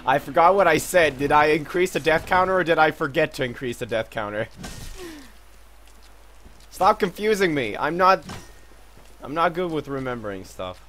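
A man's voice: on the high side, expressive, moderate pace, pauses often, a bit bright, a little hiss or hum. A man commentating on his own gameplay in a casual, swearing, self-mocking way. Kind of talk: let's play commentary.

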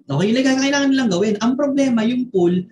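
A man with a Filipino accent, a network marketing mentor, gives a motivational online training, telling a story and constantly tossing tag questions at his listeners. His voice is extremely high and darkish in tone, and he talks fast. The audio sounds roomy with slight background noise.

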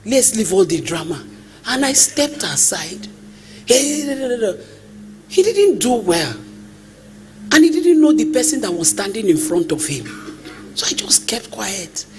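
A woman's voice: medium pitch, moderate pace, background noise. A woman preaching a storytelling sermon, acting out the people in her stories and sometimes slipping into a sung cadence. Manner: lively storytelling, acts out the people she quotes, drifts into a sung cadence. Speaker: prophetess preaching. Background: music.

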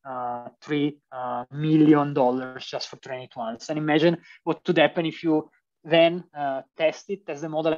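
A young man with an Italian accent, a PhD student giving a university lecture, hesitant with many fillers and restarts. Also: a little high. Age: young adult. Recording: distant, dull lo-fi sound.

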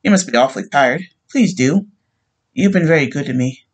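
A man voicing a grieving young wife who is sweetly persuasive, soft and overly polite. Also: a little high, lively intonation, fairly quick, husky. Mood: coaxing.

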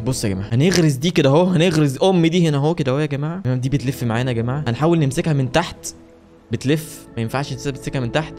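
A young man in his twenties with an Egyptian accent, joking and excitable as he gives casual commentary on odd websites. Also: medium pitch. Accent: Egyptian Arabic. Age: 20s. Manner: joking, excitable, drops to a hushed voice. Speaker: YouTuber.

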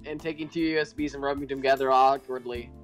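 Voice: mid-range voice, steady tone, fast, music in the background. Playful joker on game chat. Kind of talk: casual gaming voice chat.

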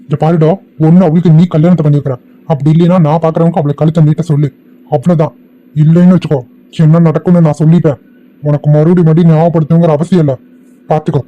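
A man's voice: fairly high pitch, flat delivery, quick pace, phone-quality sound, close to an everyday voice. A man doing a furious village headman. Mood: furious threats. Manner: shouting, threatening, scornful. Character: angry domineering village headman, older man.

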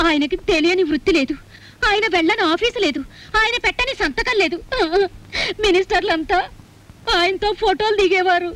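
A very high-voiced jealous wife. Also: female voice, normal speed, long pauses, a bit bright. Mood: boastful. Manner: scolding, then tearful pleading. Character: jealous, dramatic middle-aged wife. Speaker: film actress. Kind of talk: film dialogue.

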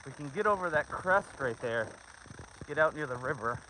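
Walking a snowy trail with his son and dogs, a middle-aged livestreamer talks casually to them and to his viewers through a handheld phone. His voice sits on the high side, expressive, at normal speed. Background noise comes through clearly on the outdoor phone recording.

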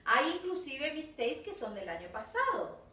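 High, lively Argentine woman teacher. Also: moderate pace, roomy sound, distant mic. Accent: Argentine Spanish. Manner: switches between Spanish and English, coaxing with constant "¿sí?" and "¿ok?". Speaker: English teacher. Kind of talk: recorded class feedback to young pupils.

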